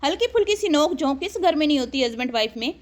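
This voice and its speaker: This online commentator reacts to other creators with sarcasm and scolding, addressing the viewer as her sister. Her voice sits high and is expressive.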